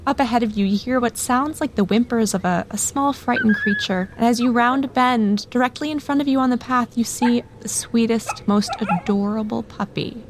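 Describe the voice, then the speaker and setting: A woman's voice: fairly high pitch, normal speed, hardly any pauses, background noise. A woman narrating a tabletop game in descriptive storytelling, with animal noises behind her.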